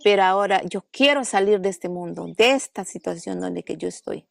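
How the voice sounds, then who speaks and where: Recorded at a family home in a jungle village, this interview features a female pastor from the Amazon region giving her testimony. She tells the story and acts out what people said, using a mid-range voice with vocal fry at a moderate pace.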